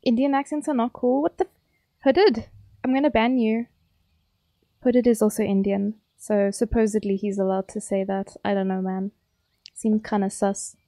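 With a warm voice on the high side and no echo in the audio, a young woman speaking with a South African accent teases and chats casually with viewers during a game stream, keeping things playful.

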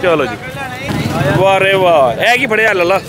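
Unhurried yet animated, a man with a high voice and a Lahori Punjabi accent hosts a chatty, enthusiastic vlog from a crowded outdoor bazaar. He speaks to his viewers directly as he tours the market, the busy crowd behind him.

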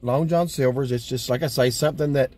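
A man's voice: medium pitch, steady tone, fairly quick, a little mellow. A middle-aged man hosting a casual food vlog, talking in a rambling, folksy way with lots of fillers, recorded inside a parked vehicle. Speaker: vlog host. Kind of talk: casual food review chat.

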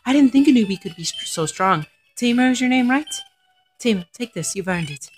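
A man's voice: extremely high pitch, animated, fairly quick, faint music behind, pitched above the performer's own voice. A man voicing a confident female police officer in a game, reading her lines aloud in a raised voice as a proud mentor. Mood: praising. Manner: read aloud in a raised, bright voice.

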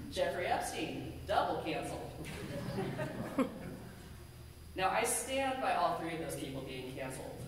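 An American woman minister preaches from a pulpit in a low voice, measured, deliberate and earnest, driving her points home with emphatic lists. She's captured by a pulpit mic and a distant camera, so the church sanctuary sounds echoey and far off, with a little hiss or hum.

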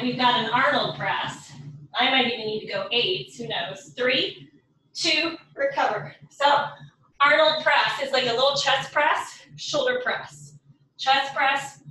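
A bright-toned woman counts down reps in a slow, unhurried way, a little out of breath as she coaches a home workout. She sounds far from the mic in a very echoey room. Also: high-pitched. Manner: cueing reps and counting down, upbeat. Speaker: fitness instructor. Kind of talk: live workout instruction. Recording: roomy echo from far off the mic.

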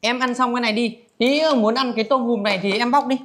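An easygoing, generous older brother, played by a woman in a comedy family skit. He talks in a high, relaxed voice, showing things off. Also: fast, lightly acted. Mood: cheerful.

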